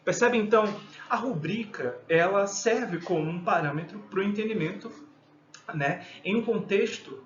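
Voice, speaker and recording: A man's voice: high-pitched, moderate pace, slight background noise. A man with a Brazilian accent giving a video lecture on literature. He reads verses aloud and explains them, with constant checking tag questions. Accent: Brazilian Portuguese. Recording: echoey room, slightly dull sound.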